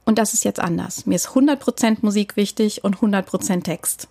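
Woman songwriter, interview guest; reflective, explanatory delivery; mid pitch, dry recording. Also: a little fast, creaky, mellow, no echo. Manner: thoughtful, explaining at length with examples. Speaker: songwriter and singer. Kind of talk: interview answer.

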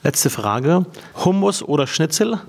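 Presenting a scripted introduction and prepared interview questions in German, this Berlin-born politician and interviewer in his forties speaks unhurriedly. His fairly high voice swings widely in pitch and has vocal fry, over slight background noise.

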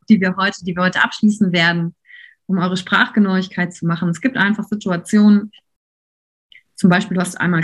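A woman giving a university lecture in a lively, conversational way, putting questions to her audience in the room. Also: fairly low pitch. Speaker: university lecturer on coaching and leadership.

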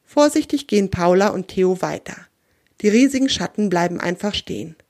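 A woman reading a children's story aloud in a gentle, expressive way. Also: medium pitch, moderate pace.

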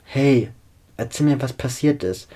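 A man voicing a kind young female vampire who gently soothes a crying girl in a storybook reading. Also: medium pitch, measured pace, natural voice. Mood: coaxing.

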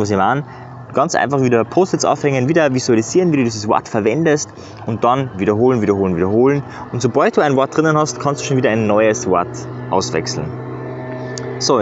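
A man's voice: medium pitch, a little hiss or hum. A man giving earnest, casual coaching advice in a motivational monologue, often adding "ja". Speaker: self-improvement coach. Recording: slightly dull recording.

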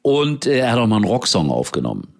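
Chatty podcast host guy, low gravelly voice that swings up and down a lot. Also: huge pitch swings, quick pace. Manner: chatty, jokey. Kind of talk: casual podcast outro. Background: guitar music.

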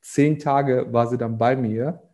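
Man, podcast guest, mellow voice, chatty storytelling, lots of fillers. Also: mid-range voice, steady tone, slow. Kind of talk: casual storytelling in a podcast conversation.

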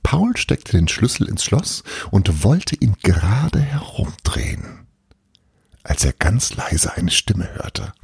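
Deep, husky male storyteller. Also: slow, no room sound, studio quality. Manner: expressive storytelling with sound words and hushed suspense. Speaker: narrator. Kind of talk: children's audiobook reading.

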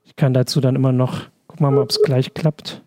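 A man's voice: medium pitch, little pitch movement, a little fast, warm tone, a little hiss or hum. A man hosting a live-streamed interview, asking long rambling questions with fillers. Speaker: livestream host.

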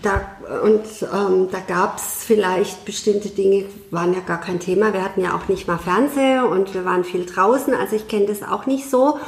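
A woman guest in a conversational interview, speaking in a measured, thoughtful way with frequent hesitations. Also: medium pitch, reverberant.

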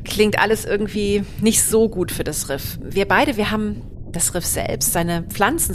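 A woman co-hosts a travel podcast, chatting and explaining in a conversational way and using tag questions. Her voice is mid-range, and there's background noise.

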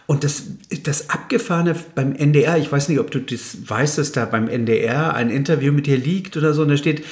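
A man's voice: fairly high pitch, brisk, few pauses. A man hosting a casual interview, asking loose, stumbling questions and responding often with brief agreement. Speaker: interview host.

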